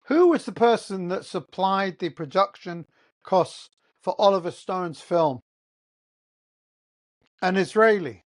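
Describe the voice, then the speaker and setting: Speaking slowly and leaving long pauses, a high-pitched, expressive man with an English accent rants alone as host. He's from England, and his monologue is heated, blunt, profane and packed with rhetorical questions.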